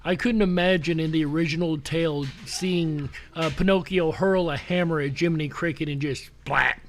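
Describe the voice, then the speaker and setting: A show host talks directly to his listeners in a casual, conversational showman's style, giving live commentary while music plays behind him. His voice is fairly high with fairly even intonation, at normal speed, and there is slight background noise.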